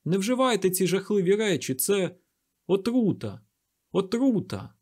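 A man reading an audiobook, voicing a desperate, fervent young male outsider who shouts and pleads. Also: high voice, very animated, fairly quick, pitched above the performer's own voice. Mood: impassioned shouting. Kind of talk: audiobook character voice.

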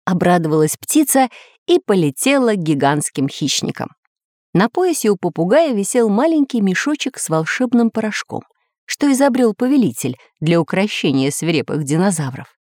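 A woman narrating a children's audiobook in an expressive, measured storytelling manner. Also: mid-range voice, no echo, studio quality.

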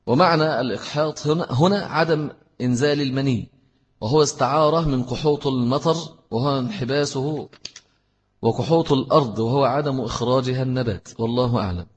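A man's voice: medium pitch, brisk, breathy edge, big-room sound. A man with an Egyptian accent teaching a religious lesson, explaining step by step and repeating key phrases. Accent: Egyptian Arabic. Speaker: Islamic teacher. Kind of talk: religious lesson with answers to questions.

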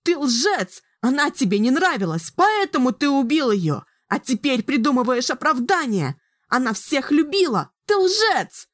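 A shrill, wildly swooping voice of a young sorceress wild with grief and fury. She screams her accusations high and hard. The recording is close and dry. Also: very animated, a little slow, no echo. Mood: hysterical rage. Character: young girl sorceress, grief-stricken and furious. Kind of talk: audiobook character voice.

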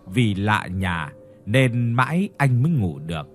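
A man narrating a ghost story in a slow, expressive storytelling manner. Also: lowish voice, soft background music.

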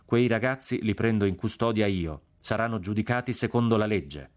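A man's voice: on the low side, normal speed, a little mellow, lightly acted. A male reader voicing an officer who speaks with firm, curt authority. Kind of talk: audiobook character voice.

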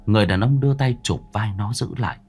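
A man narrating a horror story in a dramatic, suspenseful manner, slowing down for tense moments. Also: lowish voice, breathy edge. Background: soft background music.

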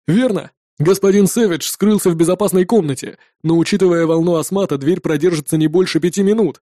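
A man voicing a flustered, portly middle-aged policeman giving a hurried report in an audiobook. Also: sits high, dark tone, dry recording, studio quality, natural voice. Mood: briefing.

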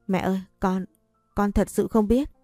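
A woman's voice: mid-range voice, steady tone, moderate pace, dark tone, no echo, studio quality, faint music behind, close to an everyday voice. A woman voicing a young wife who begs and stammers through tears in a storybook reading. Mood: pleading. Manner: stammering, begging. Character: young wife, tearful and pleading.

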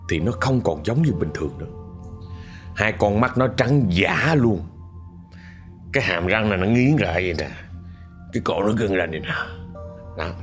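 A man's voice: lowish voice, a little mellow. A man telling a ghost story in a vivid, conversational way, often repeating words for effect.

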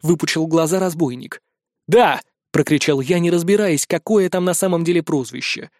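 Higher-voiced male audiobook narrator. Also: a little fast, darkish tone, no room sound, clean studio sound. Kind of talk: first-person scripted narration.

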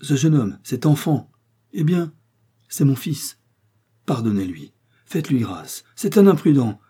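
A man's voice: on the low side, moderate pace, dark tone, slightly rough. A man voicing a middle-aged aristocratic father who pleads emotionally, in a raised voice. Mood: desperate pleading.

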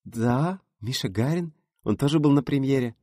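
A man voicing a bold, blunt, energetic young woman in an audiobook reading. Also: mid-range voice, normal speed, no echo, clean studio sound, pitched above the performer's own voice, close to an everyday voice. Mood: eager. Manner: snappy, bold, mocking. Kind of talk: audiobook character voice.

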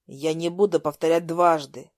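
Woman doing a bossy cold young guy, low stern voice, pushed down deep, dry close sound. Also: fairly even intonation, moderate pace, no room sound, close to an everyday voice. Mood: cold, threatening. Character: domineering cold young man, commanding.

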